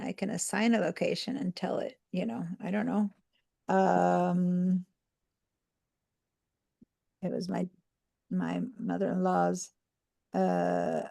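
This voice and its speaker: An Argentine woman's creaky, mellow, medium-pitched voice carries her live online computer class. She explains patiently, one step at a time, with fillers, regularly checking in on her students.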